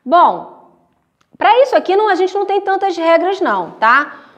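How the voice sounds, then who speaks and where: A woman's voice: extremely high pitch, big pitch swings, normal speed, lo-fi sound. A Brazilian woman teaching a primary school class, talking to the children in affectionate diminutives and often checking with "tá?" and "né?". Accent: Brazilian Portuguese. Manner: frequent checks of tá and né; uneven pace, stretches words when dictating. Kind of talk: recorded remote class lesson.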